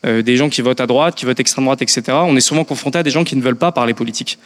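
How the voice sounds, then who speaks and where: Male politician guest, quick and hesitant delivery, long reverb in a hall. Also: medium pitch. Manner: thoughtful, many hesitations and restarts. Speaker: member of parliament guest. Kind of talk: political discussion.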